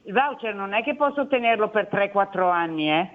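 A woman's voice: mid-range voice, lively intonation, brisk, crowd noise. A woman from Milan calling in to a radio talk show over the phone, insistently complaining and talking over the guest. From Milan, Italy. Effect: heard over a phone line. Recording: tinny phone line.

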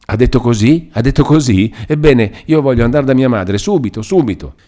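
A man's voice: sits low, very animated, fast, darkish tone, breathy edge, exaggerated voice. A man reading aloud, voicing a frightened young woman held captive who speaks in urgent, anxious pleas. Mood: desperate.

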